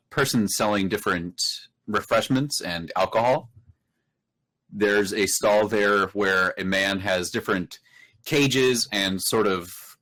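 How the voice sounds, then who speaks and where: A man narrating as game master of a tabletop game, describing scenes in an unhurried way with many fillers. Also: lowish voice, a bit bright, rough recording.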